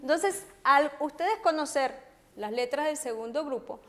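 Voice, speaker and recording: A woman's voice: high voice, expressive, a little slow, a bit bright. A woman teaching a language lesson to an audience at a book launch, spelling out letters and repeating each word. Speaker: teacher and author. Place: event room with an audience.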